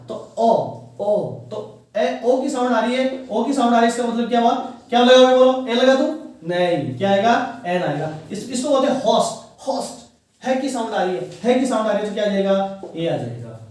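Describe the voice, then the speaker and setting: A man's voice: very high-pitched, a little fast, darkish tone. A man teaching an exam-prep grammar lesson, who keeps asking questions and then answering them himself. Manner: quizzes listeners and answers himself. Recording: echoey room, mic at a distance.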